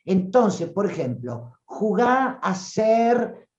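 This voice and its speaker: Rioplatense lady teaching voice class, slow and animated, roomy lo-fi sound. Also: mid-range voice. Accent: Rioplatense Spanish. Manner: animated, playful, rhetorical questions. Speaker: voice workshop teacher. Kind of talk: lively teaching talk.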